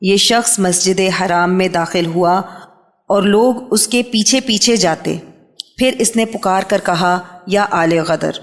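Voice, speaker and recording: A woman reading a religious history book aloud in a steady, measured way, announcing each new heading. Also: medium pitch. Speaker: book reader. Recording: long hall reverb.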